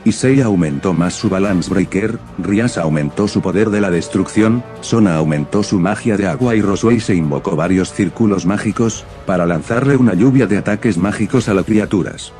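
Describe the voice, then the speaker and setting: Deep-voiced male story narrator. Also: normal speed, warm tone, faint music behind. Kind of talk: scripted narration of a fantasy fan story.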